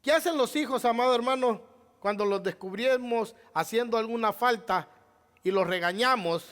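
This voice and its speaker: High-voiced preaching pastor, man. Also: normal speed, a bit bright. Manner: preaching with rhetorical questions, often addressing "amado hermano". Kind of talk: sermon.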